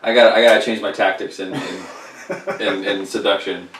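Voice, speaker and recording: A man's voice: fairly low pitch, fairly even intonation, normal speed, a bit bright, far from the mic. A man co-hosts a comedy podcast, riffing absurd jokes, swearing often and saying "yeah" a lot. He sounds set back from the mic in a roomy, echoing space. A faint hiss runs under his voice. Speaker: podcast co-host. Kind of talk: joking casual banter. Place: home recording room.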